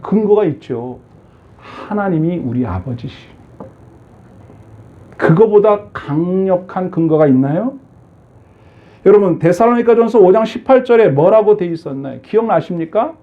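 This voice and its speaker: A man's voice: high voice, expressive, normal speed, pauses often, muffled recording. A male pastor preaching a sermon, asking his congregation many questions and acting out the voices he quotes.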